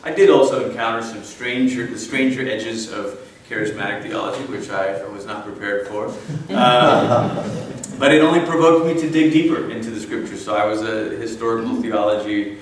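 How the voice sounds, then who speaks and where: Speaking at normal speed in a voice on the low side, a Malaysian guest speaker in his thirties tells his personal testimony conversationally, full of fillers and restarts. The recording carries a little hiss or hum and comes from far back in an echoey hall.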